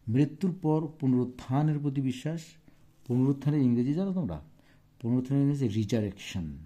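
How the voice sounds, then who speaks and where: A man with a Bangladeshi Bengali accent teaching a textbook lesson to young pupils on a phone, explaining terms slowly and checking often that they follow. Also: medium pitch, dark tone, slightly rough.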